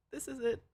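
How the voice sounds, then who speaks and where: A young woman hosts a casual stream chat with a lively, sing-song voice that rides a little high. She tells stories animatedly, acting out what people said. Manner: animated storytelling, acting out quotes. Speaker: streamer host.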